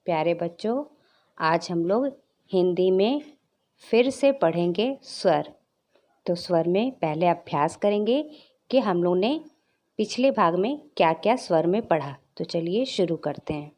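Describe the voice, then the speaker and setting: A woman teaching a nursery class, speaking slowly and clearly to small children and drawing out each repeated letter. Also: on the low side, animated, a little mellow. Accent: Hindi. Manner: drawn-out repetition, stressing each letter.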